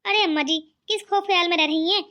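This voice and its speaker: A woman's voice: very high-pitched, fast talker, sharp tone. A woman voicing a sly, clever young married woman who makes mocking asides.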